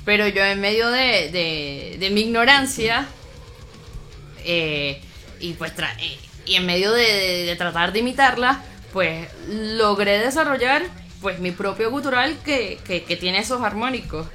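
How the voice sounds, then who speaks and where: Venezuelan woman singer as interview guest, bright tone, thoughtful and chatty. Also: medium pitch, lively intonation, unhurried, soft background music. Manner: reflective, many restarts and fillers. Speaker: metal band vocalist, guest. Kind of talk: casual interview answers.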